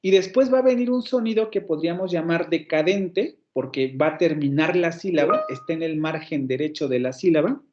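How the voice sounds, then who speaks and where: A man with a Mexican Spanish accent teaches a university phonetics class online, his voice sitting a little high. He thinks aloud as he explains, stopping to correct himself. The audio is somewhat dull, like a computer mic on a video call. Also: fairly quick, hardly any pauses, a little mellow. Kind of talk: online lecture.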